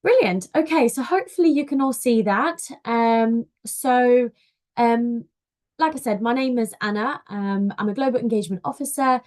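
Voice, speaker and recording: A woman from Poland presents a university webinar over a video call. She talks in a friendly, easygoing way and fills her pauses with frequent "um"s. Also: on the high side, a little mellow. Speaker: university outreach officer.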